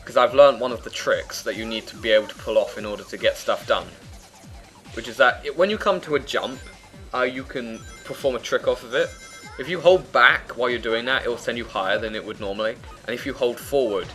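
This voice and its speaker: A man's voice: medium pitch, fairly quick, a bit bright. A man giving casual, opinionated let's play commentary in a chatty way. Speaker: gaming commentator and player. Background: faint game music and sound.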